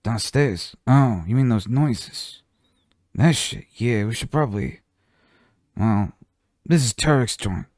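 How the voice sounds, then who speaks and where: A man's voice: mid-range voice, animated, takes it slowly, pauses often, a little mellow, no echo, studio quality. A man voicing a scheming Italian-American mobster boss in a tabletop game, with a put-on Italian-American mobster accent and a drawling, self-assured, patronizing manner.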